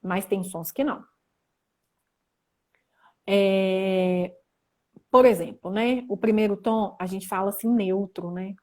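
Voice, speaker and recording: Young Brazilian woman, chatty livestream teacher, medium pitch, talking to viewers through a phone mic. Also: slow, pauses often. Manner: chatty, reads viewer comments aloud, animated. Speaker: livestream host teaching Mandarin. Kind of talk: casual livestream lesson.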